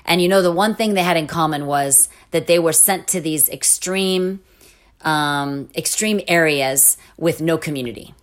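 A middle-aged woman telling a personal story in a casual interview, animated, with restarts and laughing asides. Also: low voice, moderate pace. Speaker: interview guest.

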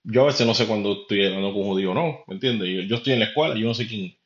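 A man's voice: fairly low pitch, racing. A man from Puerto Rico with a Puerto Rican Spanish accent, hosting a podcast and giving his opinions in a rambling, conversational way that speaks straight to the listener. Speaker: podcast host. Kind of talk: casual opinion monologue. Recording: roomy, dull lo-fi recording.

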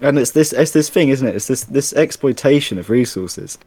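A man in casual chat, talking in an animated, exasperated rant with plenty of asides. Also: medium pitch, moderate pace, dry recording.

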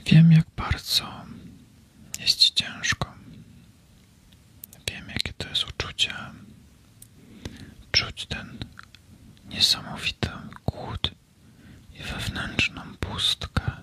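A man in his thirties whispering slowly and soothingly in a comforting ASMR video, speaking close to the mic. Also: pushed and bright. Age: 30s. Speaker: ASMR creator.

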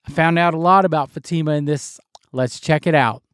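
A man's voice: fairly high pitch, fairly quick, background noise. A man hosting a casual podcast interview, laid-back and joking, recorded in a bar. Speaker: podcast host. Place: bar with background noise.

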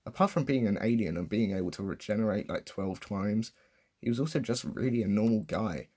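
A man's voice: lowish voice, lively intonation, a little fast, a little mellow, husky. A young man giving casual, unscripted commentary in a sarcastic, self-mocking and profane way. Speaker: vlogger.

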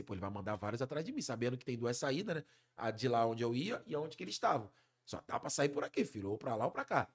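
A man, a funk singer telling a story as a podcast guest, slangy and animated, acting out the voices of the people in it. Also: mid-range voice, husky. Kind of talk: storytelling in a casual podcast chat.

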